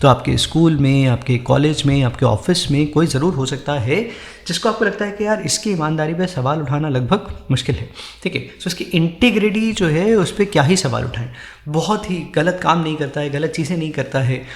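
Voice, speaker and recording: Male teacher, casual vocabulary lesson, somewhat high voice, slow careful English examples, echoey room. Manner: speaks Hindi mixed with English, reads English examples slowly; frequent "ठीक है" check-ins, encouraging.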